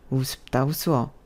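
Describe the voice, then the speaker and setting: A woman's voice: fairly low pitch, a little mellow, natural voice. A woman voicing an arrogant young man in a radio drama, scornful and defensive.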